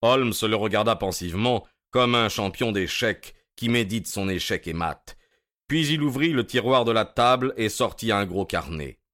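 A male storyteller reads in a measured, even way. His voice is smooth and resonant. His delivery is steady scripted narration. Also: lowish voice.

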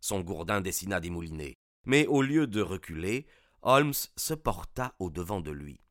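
Casting note: male audiobook narrator, deep-ish, measured suspense, dry close sound. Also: big pitch swings, dry recording. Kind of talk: scripted narration of a detective story.

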